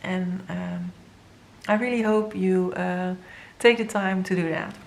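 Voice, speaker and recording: A woman with a Dutch first language giving an earnest, halting tarot reading to viewers, with many fillers and moments where she grows emotional. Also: fairly low pitch, fairly even intonation, gravelly. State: emotional, near tears. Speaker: tarot reader.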